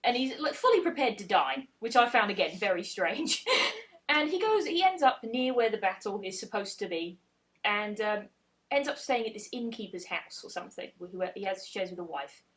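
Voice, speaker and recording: A woman in her twenties casually retelling a folk tale on a podcast, sweary and giggly, dropping into quick voices for the characters. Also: medium pitch, animated, fairly bright tone. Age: 20s. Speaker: podcast co-host.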